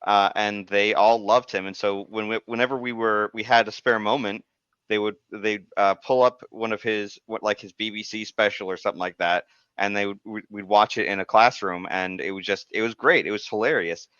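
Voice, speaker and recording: A man's voice: lowish voice, fairly even intonation, moderate pace, a bit bright, clean tone, dry recording. A man in casual podcast chat, earnestly explaining things at length. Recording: dry, slightly dull close mic.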